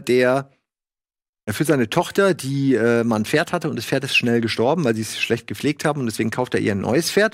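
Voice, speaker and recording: A man casually reviewing a book in a video, rambling with lots of fillers and lively asides. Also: mid-range voice, dry recording.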